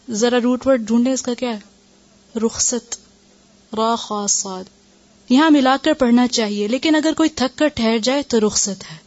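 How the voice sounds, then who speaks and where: A woman's voice: fairly high pitch, no room sound, dull audio. A woman teaching a lesson, explaining step by step and answering her own questions. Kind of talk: classroom lesson.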